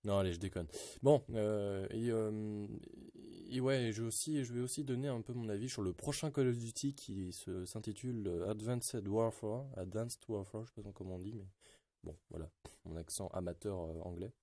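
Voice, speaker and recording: A man's voice: fairly low pitch, normal speed, mellow, dry recording. A man talking casually about video games, rambling with many fillers and restarts. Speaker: gaming YouTuber. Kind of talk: casual gaming commentary.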